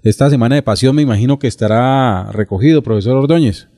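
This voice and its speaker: A man's voice: medium pitch, fast talker, dark tone. A man hosting a radio segment, courteous and formal, reading listeners' questions with frequent fillers. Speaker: radio news host.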